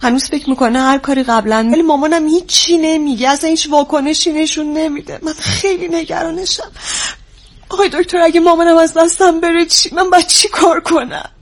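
A woman's voice: high-pitched, few pauses. An actress playing an anxious young woman who pleads for help about her mother. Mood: worried. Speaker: worried daughter visiting a clinic.

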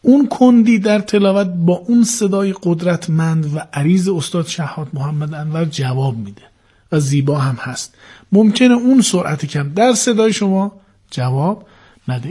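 A man's voice: sits high, expressive, mellow, husky. A man hosting a radio program, earnestly advising listeners in an instructive talk. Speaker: radio host.

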